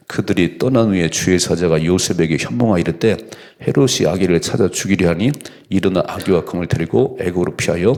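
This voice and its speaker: Gravelly low-voiced preacher man. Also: a little mellow. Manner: conversational preaching with rhetorical questions. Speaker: pastor. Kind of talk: early-morning sermon with scripture reading. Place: church.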